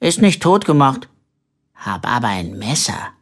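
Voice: medium pitch, big pitch swings, unhurried. A reader voicing a grown man with the mind of a three-year-old, stubborn and cheerful, talking in a childish singsong. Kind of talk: audiobook reading.

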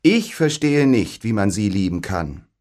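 A man's voice: lowish voice, big pitch swings, measured pace, darkish tone. A man voicing a proud, mocking young bachelor nobleman in a storybook, scornful and overbearing. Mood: exclaiming.

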